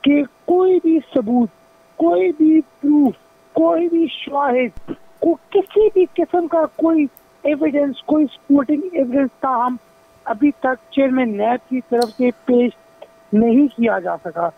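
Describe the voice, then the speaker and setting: Man, legal analyst, calling in over the phone, tinny phone-line sound, slow deliberate speech. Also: extremely high pitch, gravelly. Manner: deliberate, slips into English legal terms. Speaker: senior advocate, legal analyst. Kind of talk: phone-in interview. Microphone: telephone.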